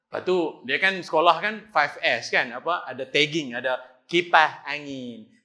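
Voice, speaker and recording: A middle-aged man with a northern Malaysian Kedah accent, giving an animated, jokey mosque lecture and acting out the voices in his stories. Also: a little high, moderate pace, reverberant. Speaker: preacher. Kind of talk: lively mosque lecture with storytelling.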